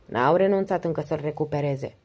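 A woman reading the lines of a charming, confident Englishman adventurer in an audiobook, in a calm, gallant manner. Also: low voice, slightly rough.

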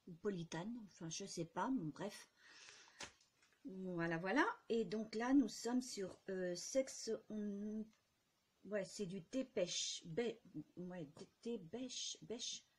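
A woman's voice: mid-range voice, slow, a little mellow, a little hiss or hum. A woman vlogger chatting casually through a shopping haul, hesitant, with many fillers, and unsure when pronouncing product names.

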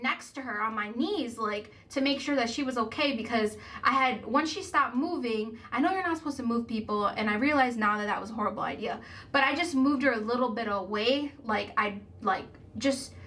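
A woman's voice: high voice, pushed and bright. A young woman, a makeup vlogger, telling a dramatic story in a rambling way, full of "like". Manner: rambling, filler-heavy, lots of "like"; breathless, dramatic retelling. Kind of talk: casual storytelling while doing makeup.

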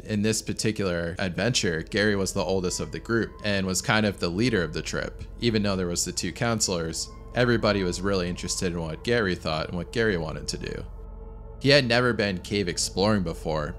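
A man reading a scripted true-story narration in a measured, serious way. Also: sits low, fairly bright tone. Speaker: channel narrator. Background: faint background music.

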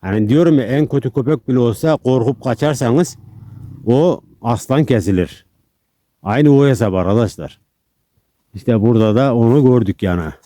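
A man, filming outdoors on a handheld camera, coaxing and calming street dogs and chatting casually to his viewers. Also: medium pitch, normal speed, no room sound, studio quality. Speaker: street dog vlogger. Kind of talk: casual vlog commentary to viewers.

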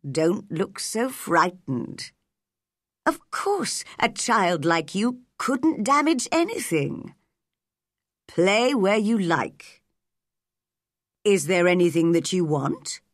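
A woman playing a weary, gentle old gentleman. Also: lowish voice, very animated, no echo, studio quality, exaggerated voice. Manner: slow, gentle, tired. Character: weary, sad, kindly older gentleman.

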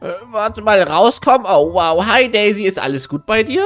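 A man's voice: sits high, animated, moderate pace, fairly bright tone. A man as a YouTuber in a Minecraft role-play, with exaggerated, panicky exclamations.

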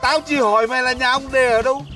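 A man's voice: very high voice, steady tone, fast, soft background music. A man plays a blustering, hot-tempered retired village mandarin in a folk comedy. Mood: indignant. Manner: pompous, bossy, shouting threats.

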